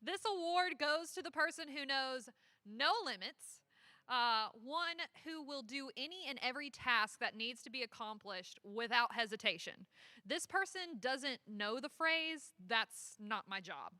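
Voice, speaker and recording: Bright high-voiced woman hosting. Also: lively intonation, unhurried, no echo. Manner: giggly, breaks into laughter between announcements. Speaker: telethon host. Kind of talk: live telethon hosting, reading awards.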